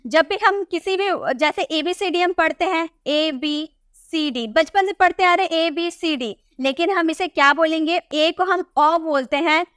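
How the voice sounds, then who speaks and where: High-voiced woman teaching pronunciation. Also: moderate pace, hardly any pauses, a bit bright, dry recording, clean studio sound. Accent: Hindi. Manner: repetitive, asks questions and answers them herself. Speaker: English teacher. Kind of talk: pronunciation lesson explaining rules.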